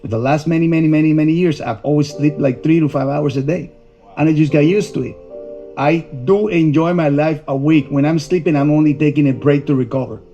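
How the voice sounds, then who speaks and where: A middle-aged man from Colombia answering earnestly, ticking off points in short phrases. His voice is warm and mellow. The audio sounds dull and lo-fi, with faint music behind him. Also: fairly high pitch, fairly quick. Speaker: dentist and business owner, interview guest.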